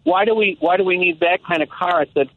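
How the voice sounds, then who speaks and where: Very animated and quick, a sixties-aged caller with a high voice and vocal fry chats casually and reflectively on a talk show, restarting frequently. There's no room sound, just a tinny phone line.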